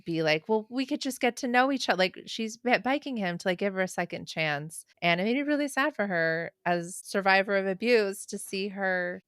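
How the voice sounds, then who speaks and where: A woman's voice: medium pitch, normal speed, hardly any pauses, fairly bright tone, clear, resonant tone, dry recording, studio quality. A woman in her thirties co-hosting a podcast, talking earnestly and bluntly about a movie. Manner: earnest, blunt, occasional swearing. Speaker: podcast co-host. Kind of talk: casual movie recap chat.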